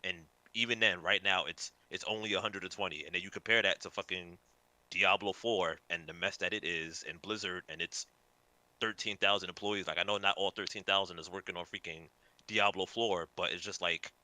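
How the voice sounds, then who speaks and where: Bright, lowish-voiced man on a podcast. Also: fairly even intonation, brisk, no room sound. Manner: emphatic, talks through notes he wrote. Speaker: podcast co-host. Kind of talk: casual podcast chat.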